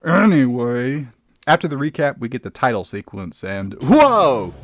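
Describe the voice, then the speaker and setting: A man's voice: mid-range voice, sing-song, a little slow. A man hosting a comedic film review, exclamatory and sarcastic as he narrates.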